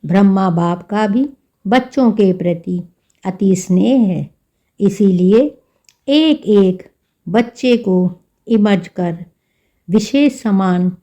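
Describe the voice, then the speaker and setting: Slow, soft-toned woman reciting scripture. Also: medium pitch. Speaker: spiritual reader. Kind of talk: devotional scripture reading.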